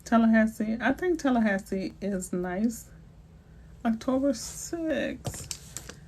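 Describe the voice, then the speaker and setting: Animated but slow, with a slightly high, somewhat mellow voice, a middle-aged New Orleans realtor with a New Orleans accent answers viewers in a casual live-stream chat, playful and full of slang and asides.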